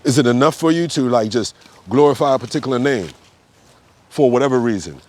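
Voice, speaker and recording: Man, yoga teacher, unscripted rant, blunt, swears a lot, mid-range voice, loud sharp bursts. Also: mid-range voice, fairly quick. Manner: blunt, profane, ranting with sudden emphatic outbursts; loose, repetitive phrasing with frequent fillers. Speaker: yoga teacher and health coach. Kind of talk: unscripted spoken monologue.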